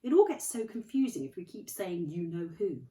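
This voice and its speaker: A woman voicing a calm, gentle old male wizard headmaster who speaks unhurriedly. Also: on the low side, moderate pace. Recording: echoey room, distant mic.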